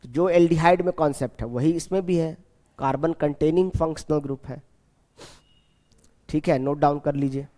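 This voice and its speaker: A man teaching a chemistry class, repeating key terms slowly and asking his students questions as he goes. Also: on the high side, dark tone, big-room sound. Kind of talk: classroom lecture.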